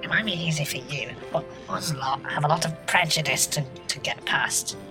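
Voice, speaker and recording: A man's voice: fairly high pitch, normal speed, over music, voice pushed up, close to an everyday voice, poor audio. A man voicing a scheming, mischievous male elf from the North Pole in a comedy podcast sketch. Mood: sly. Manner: sly and mischievous, relishes sabotage.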